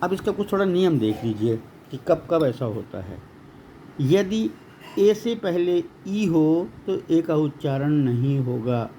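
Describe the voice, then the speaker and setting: A man teaches a grammar lesson in a deliberate, repetitive way. His voice sits a little high for a man yet sounds very dark and mellow. The recording is dull and lo-fi, with a faint hum underneath. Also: sing-song. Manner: slow and deliberate, repeating words for emphasis. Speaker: English teacher.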